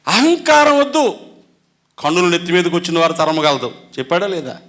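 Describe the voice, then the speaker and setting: A man with a Telugu accent preaching a sermon as pastor, asking the congregation questions and moving between loud emphatic lines and soft low ones. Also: fast talker.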